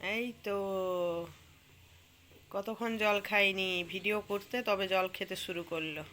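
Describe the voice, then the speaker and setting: A woman's voice: mid-range voice, steady tone, slow, a bit bright, a little hiss or hum. A woman filming her small child at home on her phone, coaxing and teasing him in a playful way. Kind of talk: casual home video chat. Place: home, by a bed. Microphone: phone camera held while filming.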